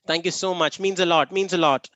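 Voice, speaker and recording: A man with a high voice and a Tamil Indian accent hosts an online workshop in a chatty, informal way. His speech is full of repeated thanks to participants, and the sound is dry and close, with little room echo. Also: fairly even intonation, a little fast, fairly bright tone, lo-fi sound. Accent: Tamil Indian English. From Namakkal, Tamil Nadu, India. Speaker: workshop trainer and host. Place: online video meeting.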